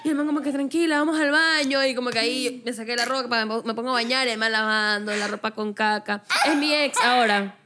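Bright, high-voiced woman in her twenties. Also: fast, hardly any pauses, a little hiss or hum. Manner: chatty, self-mocking storyteller. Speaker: podcast co-host. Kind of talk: casual comedic chat.

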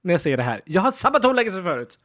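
A man co-hosting a podcast at home, chatting casually, animated and defensive, laughing often. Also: high-pitched. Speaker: podcast co-host. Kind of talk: casual chat. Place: at home, dog in the room.

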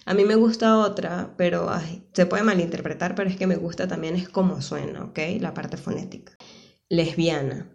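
Low-voiced young Venezuelan woman, easygoing. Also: fairly even intonation, normal speed, vocal fry, a little mellow, lo-fi sound. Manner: laughing, easygoing. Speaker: podcast guest, comedian. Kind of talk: casual chat.

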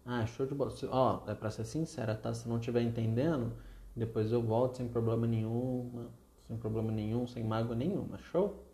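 A man's voice: mid-range voice, steady tone, normal speed, dark tone, reverberant. A man with a Brazilian Portuguese accent teaching an online literature lesson, chatty and digressive, often correcting himself mid-sentence. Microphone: video call.

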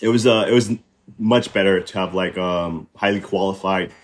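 A young man who grew up in Haiti speaks in a low, fairly deep voice. He talks reflectively, pausing on fillers and restarting his sentences, in a relaxed podcast conversation. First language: French and Haitian Creole. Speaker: podcast guest. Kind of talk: casual conversation.

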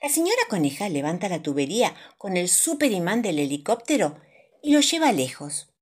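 A woman with a Rioplatense accent reading children's stories aloud in an expressive, sing-song way. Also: fairly low pitch, fairly quick, slight background noise. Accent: Rioplatense Spanish. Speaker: storyteller.

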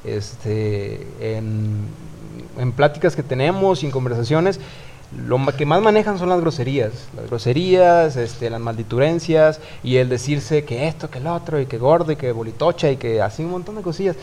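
A man's voice: medium pitch, expressive, normal speed, dark tone. A man with a Mexican accent talking about faith on a podcast in an earnest, reflective way, often restarting his sentences. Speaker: youth worker. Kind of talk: casual podcast conversation.

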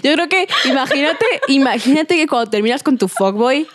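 A young woman with a somewhat high voice talks in a loose, casual way. She laughs a lot and drops English phrases into her chat. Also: expressive, a little fast. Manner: laughs often, mixes English slang.

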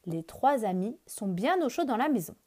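A woman reading a children's picture book aloud, gentle and expressive. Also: on the high side, moderate pace. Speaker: children's storyteller.

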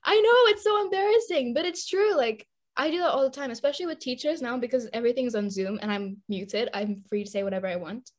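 A woman's voice: a little high, fast, hardly any pauses. A teenage girl from Indonesia in casual chat, talking in a rambling, giggly way. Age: teens.

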